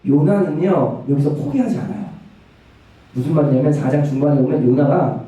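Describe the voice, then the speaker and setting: A young man preaching a lively sermon in a church, telling a story with energy and putting questions to the congregation. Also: a little high. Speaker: youth ministry preacher. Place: church sanctuary. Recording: echoey hall, mic from a distance.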